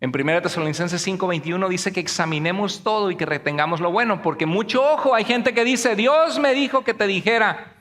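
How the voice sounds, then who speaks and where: A man preaching a sermon in a church with animated delivery, joking and acting out quotes. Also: sits high, brisk. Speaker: pastor. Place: church sanctuary. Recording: long hall reverb.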